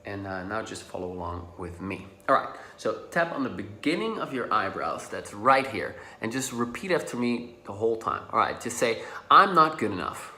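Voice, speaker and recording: Leading a guided tapping session, this social anxiety coach from the Netherlands, a native Dutch speaker, talks in a fairly low, very animated voice. He's relaxed and supportive, slowing and softening when he guides, and the recording has room echo.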